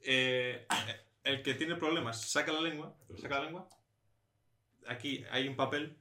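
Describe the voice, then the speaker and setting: A man's voice: medium pitch, a little slow, bright, forceful tone, echoey room. A young man co-hosting a casual podcast chat, joking and rambling as he goes. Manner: jokey, rambling, laughs often. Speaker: podcast co-host.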